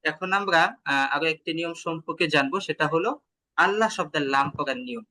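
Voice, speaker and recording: A man teaching tajweed in an online class with a Bangladeshi Bengali accent, explaining patiently, asking questions and chanting examples slowly. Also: fairly high pitch, bright, forceful tone. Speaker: Quran recitation teacher.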